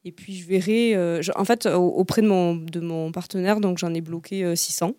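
A woman's voice: on the low side, steady tone, moderate pace, mellow, dry recording, studio quality. A woman founding a small zero-waste food business, answering interview questions in a casual, hesitant way with many fillers and restarts. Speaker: guest, founder of a zero-waste tart shop.

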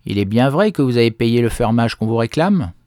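A man voicing a kindly but grave male village priest who speaks in a measured way. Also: mid-range voice, expressive, warm tone, no room sound, clean studio sound, lightly acted.

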